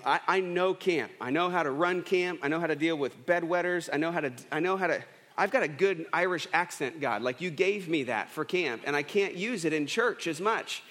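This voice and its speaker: Long reverb from the church sanctuary surrounds this man in his thirties, a pastor preaching in an easygoing, anecdotal way with plenty of self-deprecation and false starts. His voice is a little high and fairly bright.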